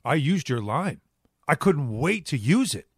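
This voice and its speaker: Middle-aged man, higher-pitched sports radio host. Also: sing-song, a little slow, slightly rough, no echo, studio quality. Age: 50s. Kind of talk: casual sports talk chat.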